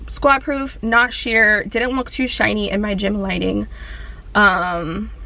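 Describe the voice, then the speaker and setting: A woman's voice: medium pitch, fairly even intonation, takes it slowly, vocal fry, sharp tone. A young woman chatting casually in a gym vlog, upbeat and talking straight to her viewers, a little out of breath after her workout. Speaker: fitness vlogger. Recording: faint music behind.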